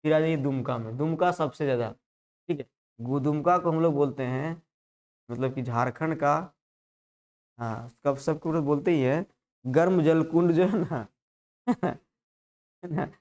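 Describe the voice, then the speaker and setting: A man's voice: fairly high pitch, a little slow, pauses often, darkish tone. A male teacher giving a live exam-prep class, repeating terms and coaxing students with constant checks. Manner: repetitive, coaxing, peppers lines with "hai na".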